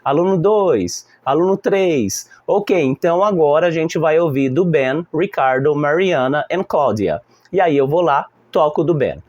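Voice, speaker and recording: A man's voice: fairly high pitch, a little slow, lo-fi sound. A man with a Brazilian Portuguese accent, a teacher explaining a lesson plan to other teachers and acting out how the class talks back. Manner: animated, acting out classroom exchanges. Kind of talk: instructional talk to fellow teachers.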